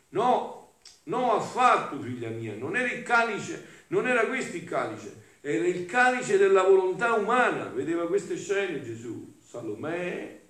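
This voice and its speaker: A man, a friar, preaching a sermon, swinging from loud emphasis to hushed asides with rhetorical tags. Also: a little high. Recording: roomy echo, voice from some distance.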